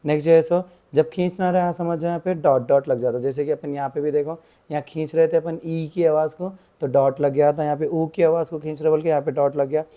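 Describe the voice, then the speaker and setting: A young man explaining a grammar lesson as a tutor. He uses the same filler phrases again and again and draws out example words slowly. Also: a little high, steady tone, warm tone.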